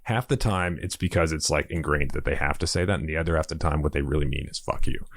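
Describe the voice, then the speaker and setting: Male podcast guest with a low, deep voice and a dry sound, animated and quick to laugh. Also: dry recording. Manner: animated storyteller, laughs often. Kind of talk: casual podcast conversation.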